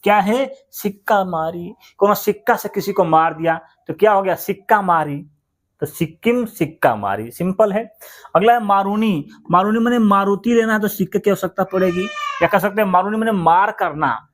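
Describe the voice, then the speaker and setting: A man's voice: sits high, moderate pace, fairly bright tone. A man teaching memory tricks for a general-knowledge exam, chatty, asking questions and answering them himself. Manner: chatty, repeats words, asks and answers himself. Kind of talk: mnemonic exam-prep lesson.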